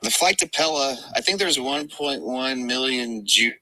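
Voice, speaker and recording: A man's voice: medium pitch, lively intonation, sharp tone, no room sound, low-quality recording. Man on a choppy, buffering call line. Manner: halting, fragmented phrasing. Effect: choppy call connection, buffering and cutting out. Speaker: call-in participant. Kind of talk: casual discussion. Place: in a truck in rural America.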